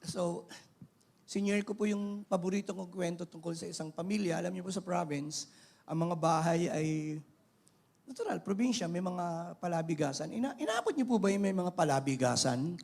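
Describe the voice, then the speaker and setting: A middle-aged man with a Filipino accent, preaching a sermon in an animated way, mixing in English phrases. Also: sits high, normal speed, creaky. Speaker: pastor.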